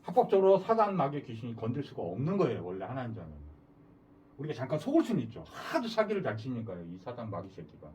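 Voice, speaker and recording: A man's voice: mid-range voice, huge pitch swings, quick pace, mellow, distant mic. A man preaching a sermon, emphatic and full of rhetorical questions to the congregation.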